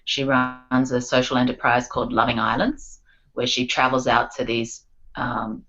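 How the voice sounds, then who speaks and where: A woman's voice: extremely low pitch, fairly even intonation, normal speed, a bit bright, lo-fi sound. A woman, chatting casually as a guest on a podcast, peppering her talk with "like" and "um". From Australia. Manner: chatty, lots of "like" and "um". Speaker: guest singer-songwriter.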